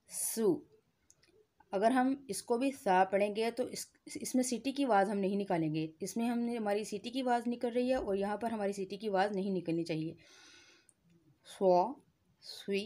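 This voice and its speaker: A woman's voice: mid-range voice, mellow. A woman teaching Quran recitation, drilling letter sounds one by one and patiently explaining where each is formed. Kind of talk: slow tajweed lesson with repeated syllable drills.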